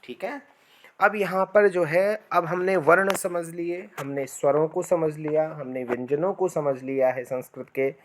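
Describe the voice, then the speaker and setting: A man's voice: a little high, slight background noise. A man teaching Sanskrit grammar in a spoken classroom lecture. He keeps checking in with "है ना" and "ठीक है" and draws out the sutras and vowel lengths in a chant. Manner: slow explanatory delivery with frequent "है ना" and "ठीक है" check-ins.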